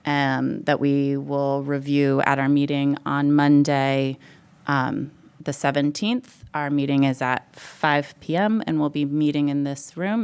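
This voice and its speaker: A woman's voice: low-pitched, clear, resonant tone. A woman representing parks and recreation, speaking at a town board meeting in a hesitant way with many "um" fillers.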